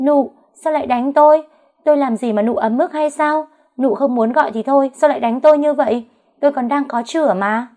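A woman's voice: normal speed, warm tone. A woman voicing a smug, scheming, pregnant young second wife who taunts and whines in accusation. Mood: shrill whining. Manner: shrill, whining accusations.

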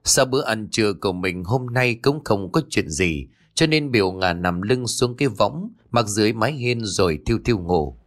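A man narrating an audiobook ghost story in a steady storytelling delivery, recorded as a voice-over. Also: lowish voice, normal speed, hardly any pauses. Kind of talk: scripted narration. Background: faint background music.

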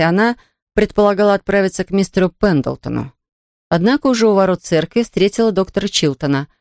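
A woman narrating an audiobook in a calm, unhurried storytelling manner. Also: fairly low pitch, no room sound, studio quality. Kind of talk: scripted narration.

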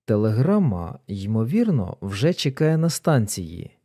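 A man voicing a calm, composed male detective who speaks low and matter-of-fact. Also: unhurried, husky, exaggerated voice.

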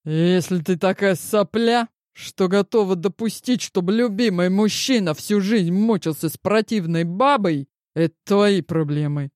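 A woman's voice: mid-range voice, darkish tone, no echo, studio quality, natural voice. A woman voicing a brash, pushy, foul-mouthed girlfriend. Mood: scornful. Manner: fast, blunt, slangy.

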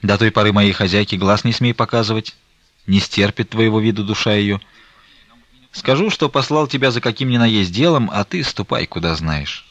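A man reading the part of a stern, grieving old merchant, talking in a slow, weighty, reproachful way. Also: fairly low pitch, fairly bright tone, no echo, muffled recording.

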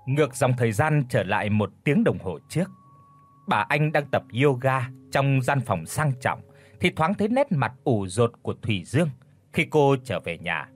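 A man's voice: mid-range voice, sing-song, normal speed, soft background music. A man giving a scripted, dramatic narration of a spoken story.

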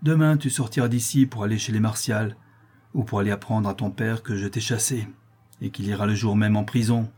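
A man's voice: on the low side, fairly even intonation, a little fast, mellow, husky. Man playing a harsh scheming notary. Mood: angry. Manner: cold, commanding, angry.

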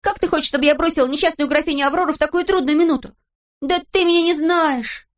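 A woman's voice: sits high, fast talker, voice pushed up, natural voice. A woman reading aloud, voicing a bold, impulsive, tender-hearted girl in exclamations that turn tearful. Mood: excited. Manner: excited, emphatic, tearful exclamations.

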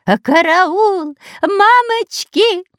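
A woman's voice: on the high side, very animated, moderate pace, no echo, studio quality, voice pushed up. A woman voicing a cowardly, long-nosed male spy in an audiobook, who stutters and whimpers with fear. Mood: panicked. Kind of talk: audiobook character voice.

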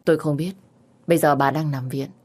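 A woman voicing a calm, helpful young man who speaks softly and reassuringly. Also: low voice, a little fast. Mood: worried.

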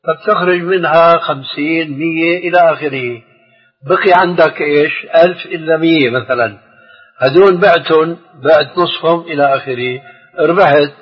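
A man's voice: fairly high pitch, breathy edge. An older man with a Levantine Arabic accent, a scholar firmly steering a question-and-answer lesson, on a dull old tape recording. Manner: firm, steers the discussion.

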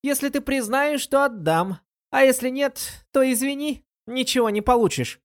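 A woman's voice: high-pitched, normal speed, no echo, clean studio sound, voice pushed up, natural voice. Reader doing teasing girl Lin Yueru. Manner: mocking, teasing. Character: bratty teasing young girl.

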